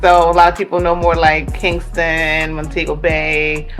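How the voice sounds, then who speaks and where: A woman from Jamaica, a guest in a casual interview, telling her story in an animated way and acting out the voices of the people she quotes. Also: low-pitched, unhurried, soft background music. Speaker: guest entrepreneur.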